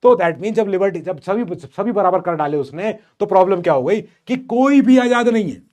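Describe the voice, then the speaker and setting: A man with an Indian accent teaching an online class, conversational and teasing, mixing Hindi and English and slowing to dictate English word by word. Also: high-pitched, expressive, a little mellow.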